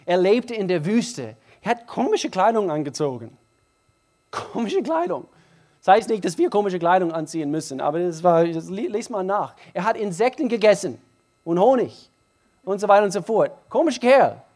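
A man preaching a sermon, emphatic and repetitive, moving from hushed passages to loud, driving emphasis. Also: high-pitched, lively intonation, brisk. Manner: emphatic, repeats phrases, builds from hushed to loud.

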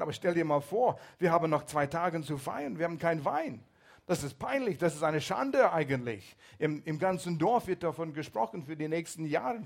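A man preaching a sermon with a few slips, swinging between loud emphatic exhortation and hushed, near-whispered asides. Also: on the high side, vocal fry. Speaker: pastor.

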